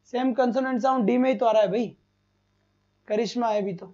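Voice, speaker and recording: A man's voice: very high-pitched, a little fast, dark tone. Man teaching, repeating answers to students. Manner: calls students "beta", repeats answers, asks rhetorical questions. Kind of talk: live online exam-prep lesson. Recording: slightly dull lo-fi stream audio.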